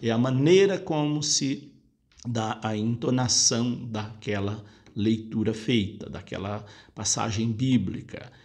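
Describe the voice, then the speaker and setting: A priest talks through listeners' questions one by one, calm and explanatory. His voice sits at an ordinary male pitch with a gravelly, creaky edge. He restates each point so it is easy to follow. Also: a little slow. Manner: explanatory, patient, repeats points for clarity. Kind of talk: casual spoken Q&A lesson.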